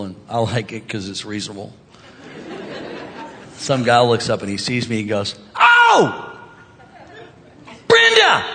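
A man preaching a sermon as pastor, talking in a lively, conversational way with humor and rising emphasis. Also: medium pitch, noisy background. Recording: reverberant hall.

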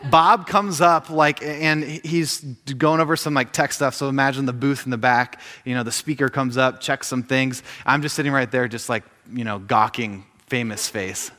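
Bright-voiced man preaching in a reverberant hall. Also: mid-range voice, fairly even intonation, normal speed, few pauses. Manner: joking, storytelling, lots of asides. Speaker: speaker at a faith gathering. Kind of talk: informal sermon talk.

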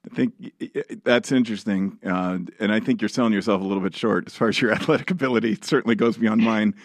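A man hosting a casual chat, talkative and easygoing, with quick asides and laughs. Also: fairly low pitch, no room sound, clean studio sound. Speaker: podcast host.

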